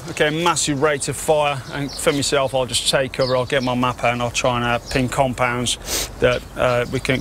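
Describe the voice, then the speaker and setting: A man's voice: mid-range voice, fairly bright tone, a little hiss or hum. A British man briefing soldiers informally as patrol leader, blunt and instructive, recorded outdoors. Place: outdoors at a military checkpoint.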